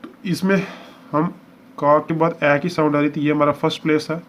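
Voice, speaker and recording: A man's voice: a little high, level tone, fairly quick, fairly bright tone. A man teaching a shorthand lesson, explaining each step patiently and repeating examples as he works through them. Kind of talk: lesson walkthrough. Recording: dull lo-fi recording with faint hiss.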